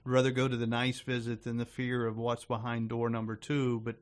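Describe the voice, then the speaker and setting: A man hosting a casual podcast, chiming in with quick agreements and short asides. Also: mid-range voice, monotone. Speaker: podcast host.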